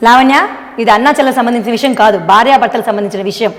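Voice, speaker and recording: A woman's voice: on the high side, rapid-fire, lightly acted. A woman playing a fed-up, reproachful wife. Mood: scolding. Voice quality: sharp and reproachful. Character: wife fed up with her deceiving husband. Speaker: actress in a family drama short. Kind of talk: melodramatic short-video acting. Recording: roomy reverb with background music.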